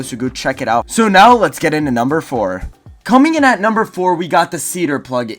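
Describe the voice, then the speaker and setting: He has a fairly bright voice on the high side, and he's the host of a fishing gear review video counting down a top ten for viewers. The tone is casual and emphatic, key phrases get stressed and repeated, and music runs in the background.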